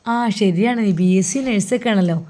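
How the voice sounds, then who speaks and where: Kindly middle-aged doctor in an audio story, coaxing bedside manner, voiced by a woman narrator, warm low-brightness tone. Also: a little fast, lightly acted. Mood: teasing. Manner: coaxing, teasing questions.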